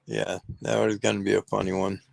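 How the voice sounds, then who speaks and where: A man's voice: lowish voice, flat delivery, fairly quick, vocal fry, no echo. A man co-hosting a casual chat, wary and doubtful, trailing off into restarts as he plans his next call. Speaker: co-host.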